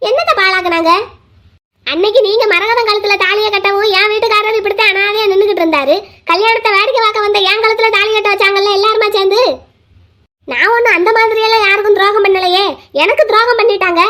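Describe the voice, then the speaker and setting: A woman's voice: very high voice, steady tone, fast talker, pushed and bright. A woman voicing a cartoon family drama in a sing-song, lamenting and argumentative way.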